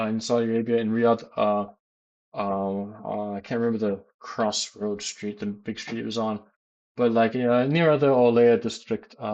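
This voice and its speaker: Man, american, casual stream chat, rambling, filler words, middle pitch. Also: dull audio. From United States. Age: adult, works as a teacher. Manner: rambling, many fillers and restarts. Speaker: gaming streamer answering chat questions.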